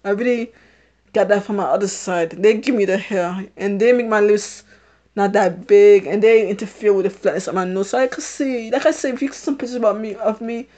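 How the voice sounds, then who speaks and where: Speaking fairly quickly in a mellow, medium-pitched voice, this podcast host rambles through her casual solo show. She is a middle-aged woman from Haiti with a British-sounding accent who often repeats herself and laughs.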